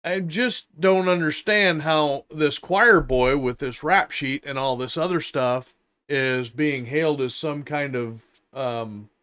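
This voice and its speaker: Slow-talking older man on a rant. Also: fairly high pitch, a bit bright, clear, resonant tone. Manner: halting, deliberate, with drawn-out pauses; indignant, emphatic, repeating phrases. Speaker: vlogger giving his opinion. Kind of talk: unscripted opinion rant.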